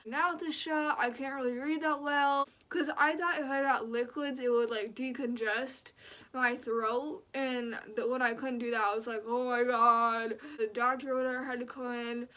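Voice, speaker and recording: A young woman with a high, fairly bright voice vlogs casually about her own experience, speaking in a steady tone at a moderate pace. She recounts things bluntly and in slang, peppering her speech with "like."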